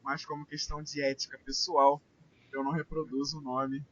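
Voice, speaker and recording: A man hosting a casual football chat, reading listener messages in a relaxed, conversational way with frequent tag questions. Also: fairly high pitch, a little fast, breathy edge. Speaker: podcast host. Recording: dull lo-fi sound with faint hiss.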